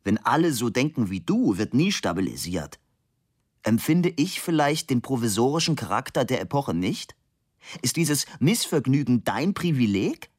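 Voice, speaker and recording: A man's voice: medium pitch, big pitch swings, moderate pace, no echo, clean studio sound, pitched above the performer's own voice. A man reading an audiobook voices an earnest young man arguing urgently for acting with reason.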